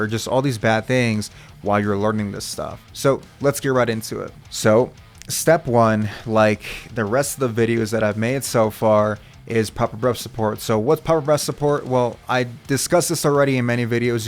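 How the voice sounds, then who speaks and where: A man working as a vocal coach, explaining technique step by step in a reassuring, instructional way. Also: lowish voice. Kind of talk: instructional video talk.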